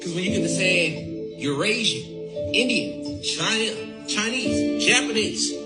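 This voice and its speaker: Profane, animated man with loud music. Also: high-pitched, unhurried. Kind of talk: heated street lecture. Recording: roomy sound with loud music.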